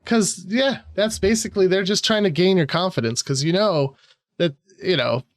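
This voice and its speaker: A man's voice: high-pitched, normal speed, dry recording, studio quality. A man hosting a podcast, chatting casually in a laid-back way and swearing bluntly. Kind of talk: casual chat.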